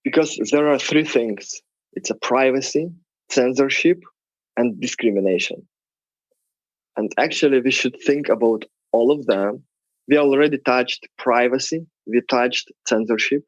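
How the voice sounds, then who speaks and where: A man's voice: medium pitch, unhurried, no room sound, dull audio. A man with a Lithuanian accent and non-native English phrasing, explaining things conversationally as an interview guest. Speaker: podcast guest, tech project representative.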